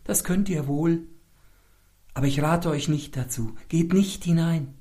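A sad young girl, as a male storyteller puts her on, lifting the voice higher and keeping it soft and sorrowful. She speaks gently and carefully, in the calm, even manner of a storybook reading. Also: slow pace, lightly acted.

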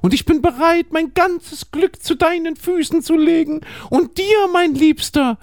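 A woman reading the part of a young lovestruck girl, in a slow, earnest, dramatic way. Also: very high-pitched, a little mellow, no room sound, clean studio sound, voice pushed up. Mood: earnest, yearning.

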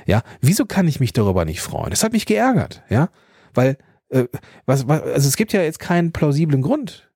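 A man's voice: fairly high pitch, big pitch swings, normal speed, gravelly, mellow, slightly rough, dry recording, studio quality. A German man in his thirties hosting a podcast, thinking aloud in a personal monologue, with restarts, fillers and a slight stutter on some consonants. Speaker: podcast host.

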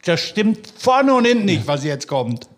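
A man's voice: high-pitched, sing-song, normal speed. A man, a football commentator, chatting casually as a guest in colloquial, circling explanations. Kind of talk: casual chat.

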